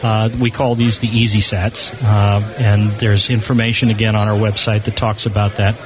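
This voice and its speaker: An American man speaks for an amateur satellite organization in an interview at a convention-hall exhibition booth, explaining informally and enthusiastically. His fairly low, flat-pitched voice moves at a moderate pace against busy crowd chatter.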